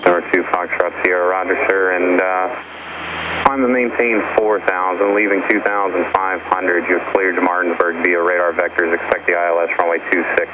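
A man working as an air traffic controller, giving brisk procedural clearances over the radio. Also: low voice, flat delivery. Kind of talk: clipped radio phraseology. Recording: radio transmission with loud static.

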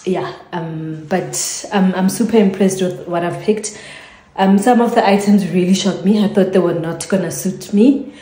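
Low-voiced South African woman vlogging. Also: normal speed, warm tone. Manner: chatty, repeats her thanks, trails into fillers. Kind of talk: casual vlog sign-off. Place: at home. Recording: echoey room.

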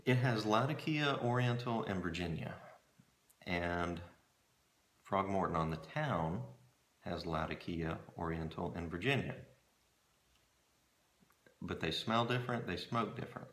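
A middle-aged man chatting casually to camera in a musing, hesitant way, often pausing mid-thought, recorded in a small room at home. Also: sits low, a bit bright. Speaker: pipe-smoking hobbyist reviewing tobacco blends. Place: small home storage room with shelves, indoors. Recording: roomy echo from camera mic.

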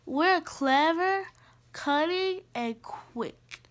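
A woman's voice: very high-pitched, animated, very slow, heavily acted. Woman playing a stern big female cat teacher. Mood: firm. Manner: firm, matter-of-fact.

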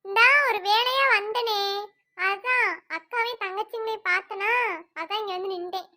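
A woman's voice: extremely high pitch, fairly even intonation, normal speed, sharp tone, voice pushed up. A woman voicing a wary village woman who dodges questions in a family cartoon. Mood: evasive. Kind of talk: cartoon voice acting.

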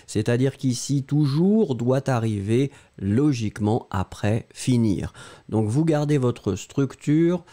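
A man's voice: mid-range voice, dark tone. A man teaching French grammar on a live stream, patiently spelling out words and answering viewers by name.

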